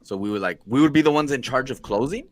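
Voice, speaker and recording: A man's voice: medium pitch, expressive, fast. A man telling stories in casual podcast chat, slangy, swearing freely and laughing at himself. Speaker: podcast co-host.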